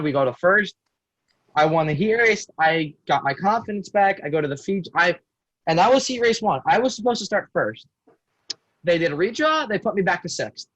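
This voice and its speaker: A man's voice: fairly high pitch, a bit bright, no room sound. A young man, a guest race driver, telling his story on a casual podcast, stumbling and restarting his sentences often. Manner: halting, with frequent restarts and self-corrections. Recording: dull lo-fi call audio.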